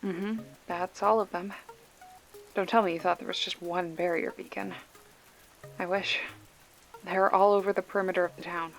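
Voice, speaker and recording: Speaking at a moderate pace with frequent pauses, a woman with a natural, lowish voice and fairly even intonation plays a sarcastic video store clerk. The young clerk curses freely but has a protective side, chatting wryly through a one-sided phone call for ASMR. Her tone is snarky and bantering.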